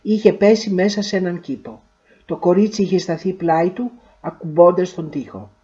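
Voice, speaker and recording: Woman reading a short story aloud, measured, expressive, warm low tone, kinda dull sound.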